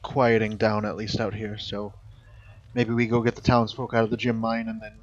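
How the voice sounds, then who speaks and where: A man's voice: fairly low pitch, little pitch movement, normal speed, dull audio, slight background noise. Easygoing man running a tabletop game. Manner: casual, easygoing narration with fillers. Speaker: game master. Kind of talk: narrating a live tabletop game.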